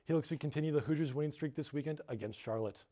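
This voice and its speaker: Quick, mellow-voiced young male sports reporter. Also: fairly high pitch. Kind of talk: scripted sports news segment. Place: TV studio.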